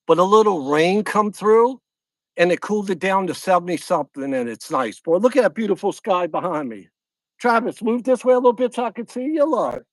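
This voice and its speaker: At night, from a lakeside camp, a middle-aged fishing channel host with a Louisiana accent chats loosely on a phone livestream. His voice is fairly high for a man, animated and fairly quick, with dry, close sound and no room echo. In this casual livestream chat he rambles, repeats lines, and greets viewers individually.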